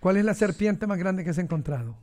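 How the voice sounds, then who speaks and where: High-voiced radio host man. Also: expressive, quick pace, darkish tone. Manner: short prompting questions and promo reads. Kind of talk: radio interview chat.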